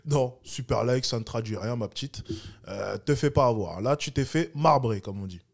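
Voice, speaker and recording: A man's voice: medium pitch, a little fast, vocal fry. A French man hosting a reaction video, making mocking, sarcastic comments in casual commentary.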